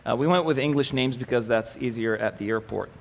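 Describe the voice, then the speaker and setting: A gravelly-voiced ministry communications manager from the Galilee, Israel, whose first language is Arabic, gives a church presentation with slides in an echoey hall with faint noise. He speaks fairly quickly at a medium pitch, in a relaxed, joking way with lots of fillers and restarts.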